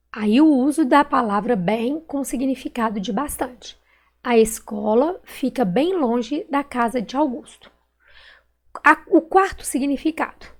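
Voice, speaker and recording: A female primary school teacher from Brazil with a Minas Gerais accent, correcting exercises in a recorded online class and stretching out words and syllables patiently. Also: a little high. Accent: Brazilian Portuguese, Minas Gerais.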